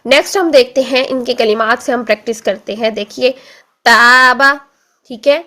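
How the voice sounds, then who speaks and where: A woman teaching Quran recitation, explaining calmly and repeating letter sounds again and again for practice. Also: fairly high pitch. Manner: explains slowly, drills letter sounds with many repetitions; stretches demonstration words very slowly. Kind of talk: tajweed lesson.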